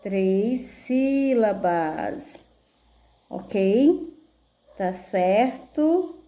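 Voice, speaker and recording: A woman teacher with a Brazilian Portuguese accent, giving a video lesson, slow and patient, spelling out syllables and checking in with little tag questions. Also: medium pitch, lively intonation, mellow.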